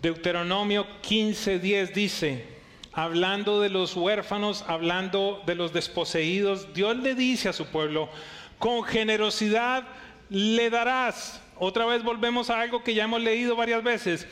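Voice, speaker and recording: A man's voice: high voice, a little slow, fairly bright tone. A middle-aged male pastor preaching a sermon, emphatic, asking the church rhetorical questions.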